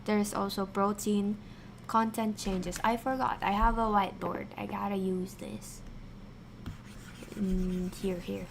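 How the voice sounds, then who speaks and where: Slow-paced woman streaming a science lesson. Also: medium pitch, level tone, creaky, slight background noise. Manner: halting, thinking aloud, repeating key terms. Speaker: science streamer, virtual avatar host. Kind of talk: casual livestream science lesson with asides to chat.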